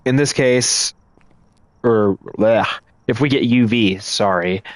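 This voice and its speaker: A man's voice: mid-range voice, slow, no echo. A man streaming a ghost-hunting game live, casually thinking aloud and explaining his moves to the chat. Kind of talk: live gameplay commentary.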